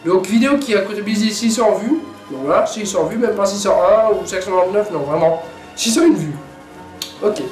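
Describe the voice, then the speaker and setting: A man's voice: high-pitched, a little fast, a little mellow, echoey room, faint music behind. A young man chatting casually and jokily as a vlogger going over comments on his own videos. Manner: chatty, jokey, repeats words. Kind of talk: casual vlog chat.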